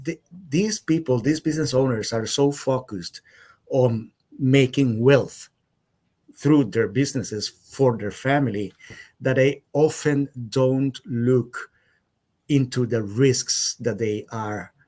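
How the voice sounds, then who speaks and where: Guy, forties, stops and restarts a lot, middle pitch. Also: a little mellow. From Costa Rica. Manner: halting, many fillers and restarts. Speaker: podcast guest, insurance agent. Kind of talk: casual interview conversation.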